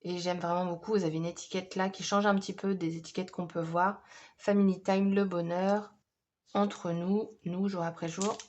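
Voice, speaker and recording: A woman's voice: fairly low pitch, little pitch movement, normal speed, darkish tone, dull audio. Chatty woman, hesitant filler-heavy talk. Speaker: scrapbooking vlogger. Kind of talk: casual haul video.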